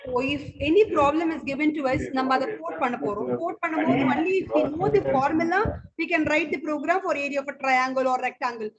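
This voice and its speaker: A woman's voice: high-pitched, racing, hardly any pauses, dull audio. A woman with an Indian Tamil accent, an instructor deferentially explaining a course in an online meeting. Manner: deferential, often saying sir. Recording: online call with faint noise, clicks.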